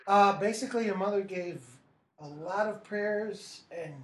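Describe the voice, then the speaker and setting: A man's voice: high-pitched, a little slow. A man hosting a podcast who teases his guest and keeps prodding him with questions. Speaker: podcast host. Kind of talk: casual podcast interview. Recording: echoey room with loud background noise.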